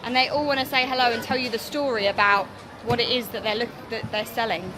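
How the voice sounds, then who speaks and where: A British family travel vlogger talks chattily and casually straight to her viewers, with a fairly high, steady voice at a fairly quick clip. She's recording in busy, noisy public places, with crowd chatter and urban bustle behind her.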